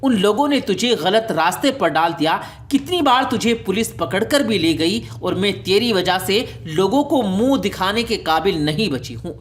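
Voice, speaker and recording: A woman's voice: medium pitch, lively intonation, hardly any pauses, a little hiss or hum, close to an everyday voice. A woman voicing a grieving old mother in a storybook tale, who scolds and pleads through tears. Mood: pleading.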